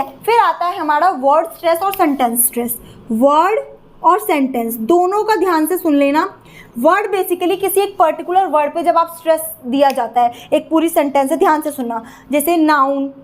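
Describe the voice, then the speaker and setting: A young Indian woman with an Indian accent gives an explanatory exam-prep lecture in a high voice, frequently checking in with her students.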